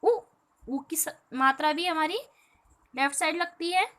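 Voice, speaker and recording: A woman teaching a primary school lesson, explaining slowly, drawing out letter sounds and asking questions she answers herself. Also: high voice, sharp tone. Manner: explains slowly, often asks and answers her own questions; addresses pupils as "beta". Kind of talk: recorded online class lesson.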